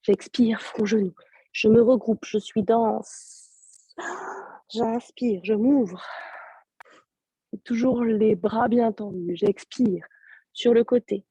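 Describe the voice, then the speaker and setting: A husky, mellow-voiced woman leads a yoga class over a video call, her throat a little sore. She speaks softly and calmly, cueing each movement and breath step by step. The sound is close and dry. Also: fairly high pitch, slow, long pauses, dry recording. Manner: soft-spoken, calm step-by-step cues. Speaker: yoga teacher. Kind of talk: guided yoga class instruction.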